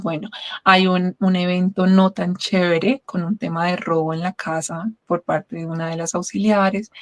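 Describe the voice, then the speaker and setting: A middle-aged woman, earnestly telling her own testimony in an interview, often checking in with "¿sí?". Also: on the low side. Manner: earnest, reflective, often asks "¿sí?". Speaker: guest sharing a testimony.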